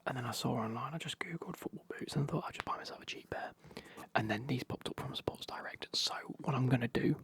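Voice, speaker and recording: A British man speaking in a breathy, unvoiced whisper, chatting casually through an ASMR unboxing in a hushed way. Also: medium pitch, a little fast. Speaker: ASMR video host.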